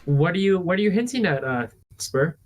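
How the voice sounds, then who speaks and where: A man hosting a casual podcast, explaining things in a halting, rambling way. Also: high-pitched, big pitch swings. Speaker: podcast host.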